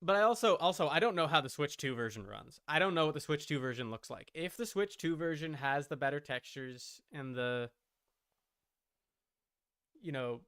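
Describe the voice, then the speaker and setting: His voice is fairly high, expressive, fairly bright and clean, at a normal speed. He's chatting casually on a gaming livestream, rambling and emphatic while correcting himself, as faint video game sound plays behind.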